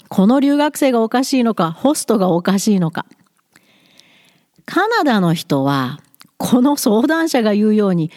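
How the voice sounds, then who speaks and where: A frank woman gives blunt, lightly teasing advice in a casual monologue. Her fairly high voice swings up and down with plenty of life. The sound is close and dry, with no room around it. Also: a little mellow, no echo. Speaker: study-abroad commentator.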